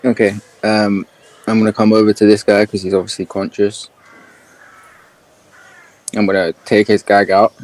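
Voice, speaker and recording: A man's voice: fairly low pitch, completely flat delivery, normal speed, long pauses, a little mellow. A man playing a tabletop game on a voice call, casual and thinking aloud with fillers. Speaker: player.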